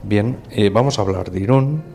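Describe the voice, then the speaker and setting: A man's voice: on the low side, normal speed, dark tone, slight background noise. A man interviewing a language learner, speaking patiently with many fillers and stopping to explain words. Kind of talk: teacher-like interview.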